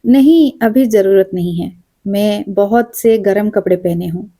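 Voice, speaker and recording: A woman voicing a calm, amused man on a train in a storybook reading, easygoing and lightly teasing. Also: mid-range voice, unhurried, close to an everyday voice. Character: amused calm male traveler.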